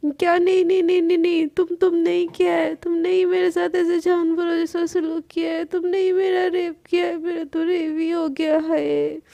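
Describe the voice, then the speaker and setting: A woman's voice: very high voice, little pitch movement, a little slow, creaky, dark tone, full character voice. A woman voicing a playful young wife who wails and teases in a theatrical way. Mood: mock wailing. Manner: melodramatic wailing and teasing. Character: dramatic teasing young woman, playful newlywed.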